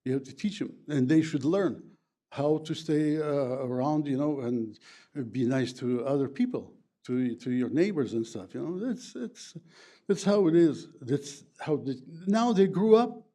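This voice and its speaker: Here an older man from the former USSR, Plattdeutsch being his first language, offers his comment as a resident at a county board meeting. The English is halting, full of fillers and grammatical slips, and his mellow voice leans toward the high side.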